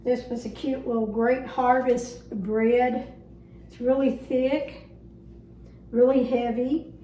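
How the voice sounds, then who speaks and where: Middle-aged woman, unhurried homey chat, mellow voice, faint room hum. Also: on the high side, rough recording. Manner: chatty, homey, fillers like uh. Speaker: vlogger and booth reseller. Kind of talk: casual vlog chat. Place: at home.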